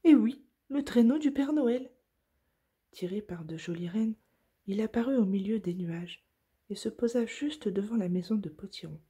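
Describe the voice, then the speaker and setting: Soft breathy lady reading a kids' bedtime story, warm and mellow, sometimes almost whispering. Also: medium pitch, expressive. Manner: soft, gentle and breathy, slow at tender moments. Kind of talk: reading a children's story aloud.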